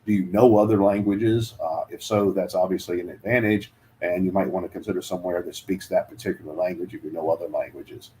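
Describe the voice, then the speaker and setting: A man's voice: low voice, fairly even intonation, a little fast, hardly any pauses, mellow. A man giving relocation advice in a casual chat, hesitant with many fillers and restarts. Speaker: guest, relocation adviser.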